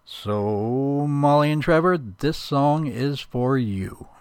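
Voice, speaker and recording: A man presenting the next segment of a show in a measured announcing manner. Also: medium pitch, clean tone, no echo, studio quality.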